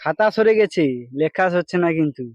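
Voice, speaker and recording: A man playing a hapless failed high-school student in a comedy sketch, rambling and naive, with a rural West Bengal Bengali accent. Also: a little fast, dull audio, close to an everyday voice. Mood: evasive. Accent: rural West Bengal Bengali dialect. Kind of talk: comedy sketch mock interview.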